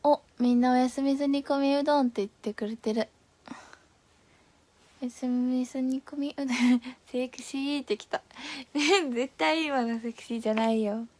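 A young woman with a high voice talks to her viewers on a live stream, playful and quick to giggle. She reads out their comments and answers them in a relaxed, chatty way.

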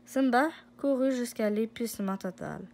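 A woman reading a children's story aloud, slow, with frequent slips and restarts. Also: fairly high pitch, darkish tone.

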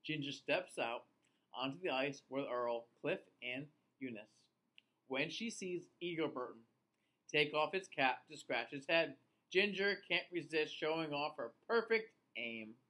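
A man with the manner of a kids show host reads a storybook to young children. His pitch swings widely and he takes his time, stretching words in a sing-song way. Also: expressive, measured pace, pushed and bright, low-quality recording. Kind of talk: animated picture-book read-aloud. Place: small indoor room, seated facing the camera.

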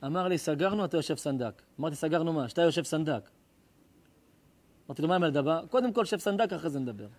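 A middle-aged rabbi preaching to a live audience in a rather high voice. He tells stories with passion, jumping from near-shouts down to soft, intimate lines. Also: expressive, slight background noise. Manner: impassioned, swings between loud cries and hushed tones. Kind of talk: emotional sermon with storytelling. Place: live lecture before an audience.

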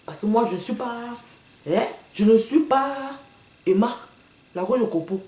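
A woman's voice: medium pitch, lively intonation, moderate pace, dark tone. A woman delivering a sassy, mocking comic rant to the camera, slipping into English and slang. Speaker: comedian vlogger. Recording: echoey room, a bit far from the mic.

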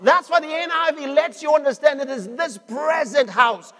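A high-voiced male preacher delivering a sermon with fervent emphasis, repeating phrases and rising into shouts. His voice rings with the long reverb of a large hall. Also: moderate pace.

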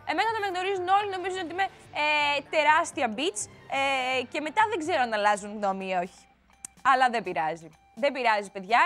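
Lively, high-pitched young woman host. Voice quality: odd put-on voice today. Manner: playful, teasing, lively. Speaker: TV host reading viewer comments. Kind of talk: casual chatty TV presenting. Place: TV studio.

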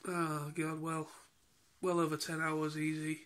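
A British vlogger in his thirties, tired and stuffed up from a cold and sniffling, chats casually into a phone camera held at arm's length in his living room. His voice is a little high for a man, monotone and a bit bright, and he rambles with halting restarts and fillers.

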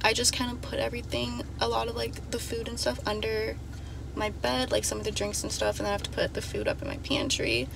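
A vlogger in her early 20s chats casually and upbeat into a phone camera held at arm's length, in her bedroom, apartment and parked car, using frequent fillers. Her voice is a little high, creaky and brisk with little pitch movement, and there is background noise.

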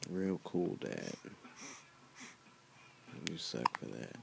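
A man's voice: a bass voice, very animated, extremely slow, gravelly, heavy background noise, voice pushed down, exaggerated voice. A dad voicing a sassy, sulky baby girl. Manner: sarcastic, complaining. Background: loud music.

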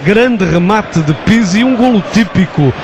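A man with a European Portuguese accent giving analytical football commentary in a deliberate, explanatory way. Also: high voice, animated. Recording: noisy stadium broadcast with loud crowd. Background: loud stadium crowd.

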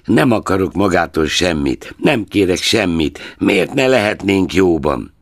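A man's voice: sits low, very animated, no room sound, studio quality, pitched above the performer's own voice, exaggerated voice. A man voicing a cheerful, persuasive young nephew who pleads earnestly. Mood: pleading.

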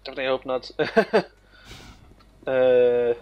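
A man's voice: mid-range voice, slow, clear, resonant tone, dull audio. A man giving casual, jokey commentary while playing a game, exclaiming and laughing often. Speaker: gamer playing on video. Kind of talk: casual let's play commentary.

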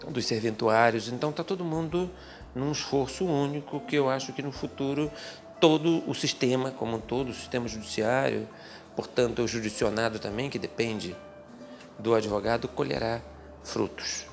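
A middle-aged man, a lawyer, answering interview questions in a small office, speaking in a measured, methodical way with frequent hesitant fillers. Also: medium pitch, vocal fry, faint music behind. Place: small office with bookshelves, indoors. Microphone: handheld interview mic.

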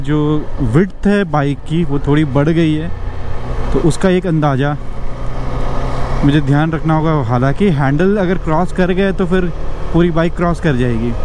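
A man talking casually to viewers from a helmet mic while riding a motorbike on a highway. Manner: unhurried, chatty, talks to viewers while riding. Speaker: motovlogger. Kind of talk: casual ride commentary. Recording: loud wind and traffic noise.

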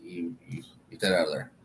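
A man's voice: low voice, slight background noise. A middle-aged man from southwest Arkansas with a Southern accent, joking folksily while chatting with viewers on a livestream. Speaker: livestream host. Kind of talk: casual chat.

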